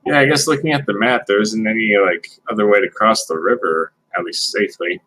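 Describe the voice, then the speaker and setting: A man's voice: lowish voice, brisk, pushed and bright, rough recording. A man playing a tabletop game, easygoing and thoughtful. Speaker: player.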